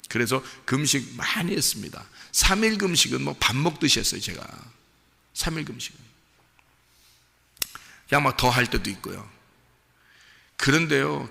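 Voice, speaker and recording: A male pastor preaching a sermon in a church, emphatic, swinging from hushed asides to shouted lines. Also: medium pitch, vocal fry, long reverb tail. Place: church sanctuary.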